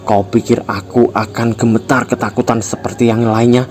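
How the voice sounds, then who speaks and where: A man voicing a blunt, tough high school boy who was once a gangster, speaking in a curt, scornful and threatening way. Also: flat delivery, normal speed, a little mellow, natural voice. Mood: cold scorn.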